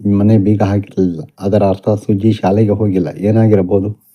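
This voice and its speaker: Brief: male narrator, deep monotone delivery, dull recording. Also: moderate pace. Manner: steady, even reading. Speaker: audiobook narrator. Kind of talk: scripted narration of an audio novel.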